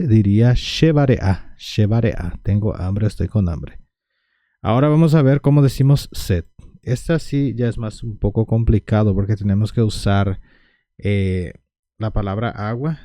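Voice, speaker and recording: Slow, deep-toned male language teacher. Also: warm tone, dry recording. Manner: slow, repeats words carefully for learners. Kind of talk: online language lesson.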